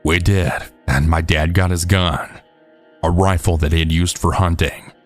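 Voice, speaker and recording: A man narrating true scary stories in a steady, measured storytelling voice. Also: low-pitched. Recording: faint background music.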